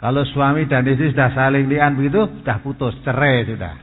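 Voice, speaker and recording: A man's voice: mid-range voice, fairly quick, slightly rough. A man giving an Islamic sermon, explaining patiently and slipping into asides. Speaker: preacher. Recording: thin phone-like sound in a long-echo hall.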